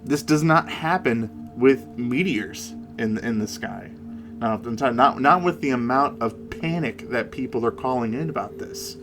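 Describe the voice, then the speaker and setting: A man co-hosting a conversational paranormal case discussion, speaking in a halting way and repeating words. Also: mid-range voice, music in the background. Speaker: podcast co-host.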